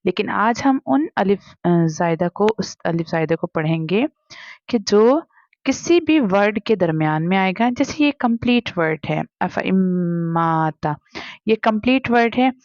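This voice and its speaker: A woman's voice: mid-range voice, animated, moderate pace, a little mellow, no echo, muffled recording. Woman teacher patiently spelling out Arabic letters. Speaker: Quran reading teacher. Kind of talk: step-by-step spelling lesson.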